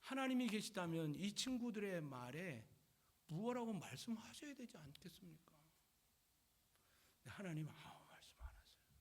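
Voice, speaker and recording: A man's voice: big pitch swings, moderate pace, long pauses. A man voicing a suffering man who pleads with God in an indignant, plaintive way. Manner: plaintive, indignant, swinging pitch.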